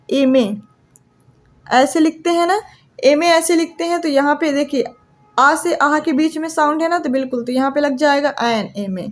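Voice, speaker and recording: A young woman lectures on grammar with a Hindi accent. Her voice sits high. She keeps posing questions to her students and answers each one herself, in a steady teaching rhythm. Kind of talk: classroom lecture.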